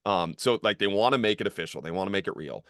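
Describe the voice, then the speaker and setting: A young man hosting a podcast, talking casually in a rambling way full of fillers and swearing, and getting animated as he goes. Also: fairly low pitch, fast, no echo, studio quality. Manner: rambling, filler-heavy, profane, gets animated. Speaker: podcast host, former college strength coach.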